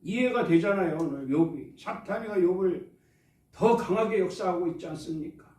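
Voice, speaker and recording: High-voiced preaching pastor in an echoey church. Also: male voice, normal speed, a little mellow. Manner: preaching with call-and-response to the congregation. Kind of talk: sermon. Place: church sanctuary. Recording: echoey church hall, mic at a distance.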